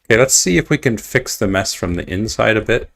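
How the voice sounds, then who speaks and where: A man's voice: fairly low pitch, lively intonation, fairly quick, vocal fry, a bit bright, soft background music. A man streaming himself playing a game, chatting casually and rambling, mocking himself and muttering asides as he plays at his computer. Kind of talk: casual gameplay commentary.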